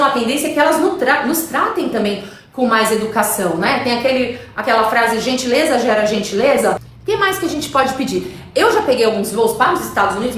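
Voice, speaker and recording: A woman English teacher from Brazil giving a chatty live lesson, reading viewer comments aloud and answering them. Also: on the high side. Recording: very echoey room with faint background noise.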